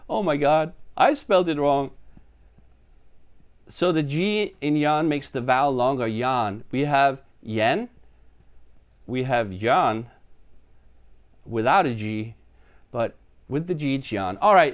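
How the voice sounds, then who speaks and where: A man from Denmark, casually chatting to viewers on his live stream from his apartment, rambling and joking at himself. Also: a little high. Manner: chatty, rambling, self-deprecating. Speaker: live stream host and musician.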